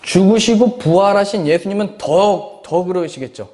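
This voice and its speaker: At a church service, a male pastor delivers a Sunday sermon, reading scripture aloud and pressing his points with rhetorical questions in expressive style. His voice is high-pitched at a moderate pace, with a big-room sound.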